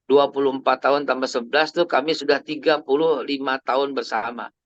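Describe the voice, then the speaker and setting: A man's voice: medium pitch, fairly even intonation, a little fast, a bit bright, dry recording. A man, telling personal stories in a chatty family sermon and sprinkling in English phrases. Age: 50s. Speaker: Islamic preacher. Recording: dry, slightly dull lo-fi recording.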